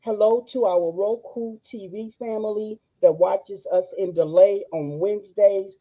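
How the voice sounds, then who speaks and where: A woman, hosting a faith-based live show and giving excited, gushing shout-outs to viewers. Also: mid-range voice, unhurried, rough recording. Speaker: host. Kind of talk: excited live-stream chat.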